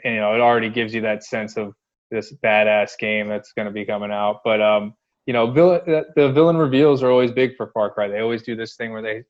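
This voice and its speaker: Male gaming co-host, lowish pitch, slangy and blunt with hesitant phrasing, slightly lo-fi audio. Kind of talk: casual gaming commentary.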